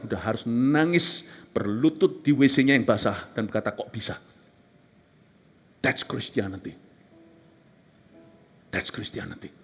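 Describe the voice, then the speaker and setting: A man preaching a passionate sermon, moving between raised exclamations and hushed, whispered moments. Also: medium pitch, breathy edge. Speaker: pastor.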